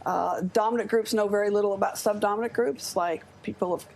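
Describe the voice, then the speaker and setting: A woman's voice: mid-range voice, steady tone, fairly quick, vocal fry, a little mellow. An American woman in her seventies, a studio guest speaking earnestly and with conviction in a live TV news interview. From United States. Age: 70s.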